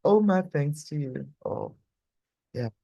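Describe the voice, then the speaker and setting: A woman's voice: low-pitched, animated, vocal fry, warm tone, no echo, dull audio. A woman from the United States hosting a live workshop, giving effusive closing thanks with frequent laughter. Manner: effusive, laughing, slow and drawn-out. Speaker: workshop host.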